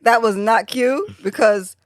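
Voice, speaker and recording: A woman from Jamaica telling a family story in casual podcast chat, acting out quotes with sudden high jumps in her voice. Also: a little slow. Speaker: podcast co-host.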